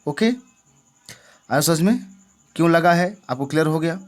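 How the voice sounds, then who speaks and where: A man's voice: on the high side, normal speed. Man teaching grammar with rhetorical questions. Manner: repeats questions to the viewer, checking understanding. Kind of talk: classroom-style lesson.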